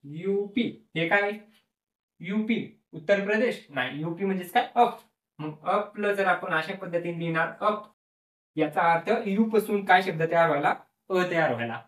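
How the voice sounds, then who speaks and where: A man's voice: sits high, moderate pace, fairly bright tone. Male teacher, patient drilling style, repeats words, asks and answers his own questions, roomy echo, mic a little way off. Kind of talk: classroom-style lesson explanation. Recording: echoey room, voice from a distance.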